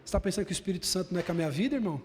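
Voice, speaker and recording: A man with a high-pitched voice preaching a sermon in a church, hammering his lines through emphatic repetition. His voice rings out with the long reverb of a big hall, and he keeps turning to the congregation as brother. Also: lively intonation, rapid-fire, slight background noise. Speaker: bishop preaching.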